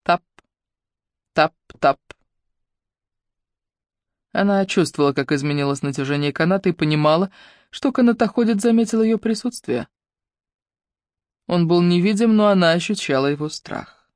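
A woman narrating an audiobook in a steady, measured storytelling voice. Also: lowish voice, no echo, studio quality. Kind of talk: scripted narration.

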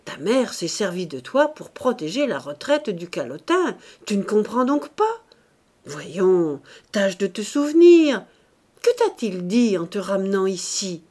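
A woman's voice: mid-range voice, big pitch swings, unhurried, dark tone. A woman voicing an irritable, suspicious middle-aged husband who nags and accuses in an audiobook reading. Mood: suspicious, prying. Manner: heated, nagging, accusing.

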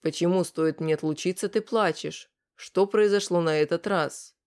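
A woman narrator plays a composed young man who speaks calmly and firmly, with a gentle teasing tone. The reading stays in her own lowish voice, as in a storybook. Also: moderate pace, natural voice. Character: calm, kind young man, steady and firm.

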